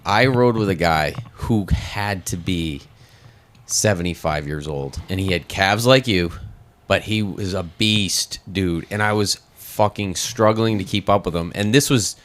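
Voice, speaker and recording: A man's voice: deep voice, measured pace, a bit bright. A man in his late thirties, co-hosting a podcast, telling stories in an easygoing, casual way with some swearing. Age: 30s. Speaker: podcast co-host. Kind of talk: casual chat.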